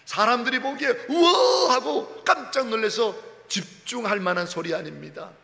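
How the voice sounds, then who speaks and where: Bright, gravelly-voiced pastor preaching in a hall. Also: male voice, high voice, animated, moderate pace. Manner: dramatic preaching, acts out quoted voices, swings from loud cries to soft near-whispers. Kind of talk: sermon. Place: church sanctuary. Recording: long reverb of a church hall.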